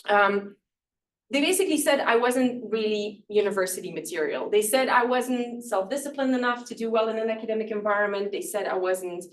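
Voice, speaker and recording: A Dutch-speaking woman from northern Belgium, a professor, gives a public lecture in a lecture room, casual and self-deprecating with many fillers and small laughs. Her medium-pitched voice is brisk and sounds far from the mic.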